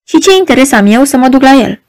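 A woman's voice: high-pitched, lively intonation, darkish tone. A woman reading an audiobook, voicing a proud, troubled married woman who speaks in an urgent, pleading, agitated way. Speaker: audiobook reader. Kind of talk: audiobook narration.

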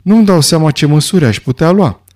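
A man voicing a calm, measured old judge who speaks in a level, deliberate way. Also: on the high side, pitched above the performer's own voice.

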